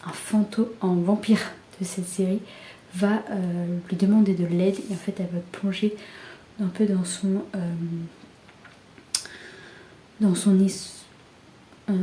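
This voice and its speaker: A young woman chatting casually about books in a soft, often half-whispered voice, with many fillers. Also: mid-range voice, little pitch movement, measured pace. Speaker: book vlogger. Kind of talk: casual book haul chat. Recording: echoey room with faint background hiss.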